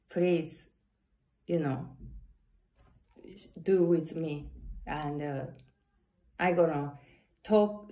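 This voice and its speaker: A saxophonist vlogger, a woman in her thirties with a strong Japanese accent, slowly reads love affirmations to her phone camera held at arm's length in the corner of a small room. Her English is earnest and halting, and she often corrects herself. Her voice is fairly low and mellow.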